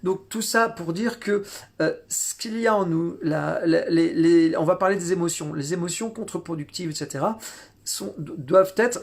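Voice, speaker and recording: A man giving a spiritual teaching talk, halting often with repeated words and fillers. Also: on the high side.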